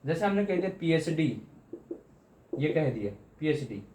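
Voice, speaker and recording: A man's voice: fairly high pitch, big pitch swings, measured pace, warm tone, reverberant, slight background noise. A man teaching English grammar in Hindi for exam prep, repeating key terms and often addressing students as friends.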